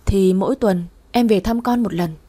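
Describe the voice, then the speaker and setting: Stern young father, curt and cold, scolding tone, husky warm voice, as a woman reads him out. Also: medium pitch, moderate pace, natural voice. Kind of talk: storybook reading.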